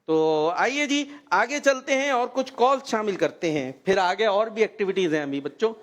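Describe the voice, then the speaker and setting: A man runs a children's quiz. He talks briskly, hurries the kids along and calls out when an answer is right. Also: high-pitched, expressive. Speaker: host of a children's program. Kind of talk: lively quiz hosting with children.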